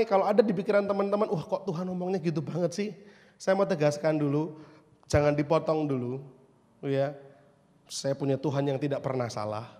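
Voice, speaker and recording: A man gives a youth sermon, lively and full of questions thrown to his listeners. His voice sits a little high. It rings with the long reverb of a church hall. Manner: lively, asks the congregation questions, acts out quoted voices. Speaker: youth preacher.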